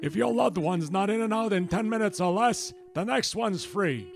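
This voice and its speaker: A man playing a chummy huckster in a comic radio commercial parody, giving deadpan salesman's patter about macabre services. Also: sits high, moderate pace, vocal fry. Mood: chummy pitching. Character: Guido, chummy huckster pitching cut-rate embalming.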